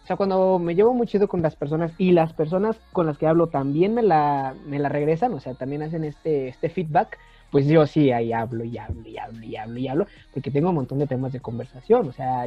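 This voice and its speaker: A young man, co-hosting a podcast in casual chat, animated and often mimicking others in high voices. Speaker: podcast co-host. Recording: slightly dull lo-fi sound, faint music.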